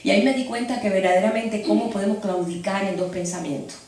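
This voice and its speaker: A woman preaching a sermon, telling stories in an animated way and laughing as she speaks. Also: medium pitch, quick pace. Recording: echoey hall from far off.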